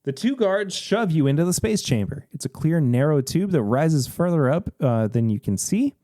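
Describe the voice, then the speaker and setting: Rich: A man with a lively, swinging voice, reading a gamebook aloud in a casual podcast. His tone is dark and mellow, and his delivery is animated, with small hesitations. The sound is dry and close. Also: on the high side, moderate pace, no room sound. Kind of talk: casual read-aloud with banter.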